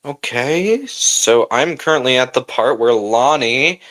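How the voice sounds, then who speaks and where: With a medium-pitched, expressive and slightly bright voice, this livestream host takes things slowly. He reacts and talks to his viewers casually, full of slang and frequent "bro"s.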